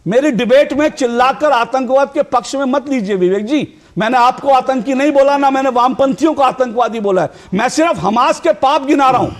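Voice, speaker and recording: A male TV news anchor in a heated debate, shouting and hammering the same phrases over and over. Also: very high voice, fairly quick, hardly any pauses. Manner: shouting, repeating phrases insistently.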